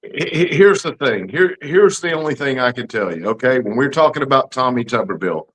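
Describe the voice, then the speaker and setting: A man's voice: mid-range voice, lively intonation, a little fast, fairly bright tone, low-quality recording. Folksy man with an Alabama accent. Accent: Alabama Southern. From Alabama, United States. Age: 50s. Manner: folksy, plain-spoken, emphatic repetition. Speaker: political candidate being interviewed. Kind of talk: conversational interview answers.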